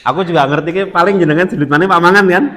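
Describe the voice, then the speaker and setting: A man's voice: high voice, rapid-fire, fairly bright tone. A man with a Javanese accent giving a religious study talk, telling a story with quotes and asking the audience questions. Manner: storytelling, switching between Indonesian and Javanese, quoting Arabic. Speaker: preacher. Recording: long hall reverb.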